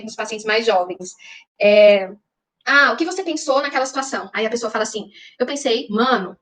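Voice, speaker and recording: Fast-talking Brazilian woman lecturing. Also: fairly high pitch. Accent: Brazilian Portuguese. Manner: explanatory, addresses the audience with frequent check-ins. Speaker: psychologist teaching a class. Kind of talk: online lecture.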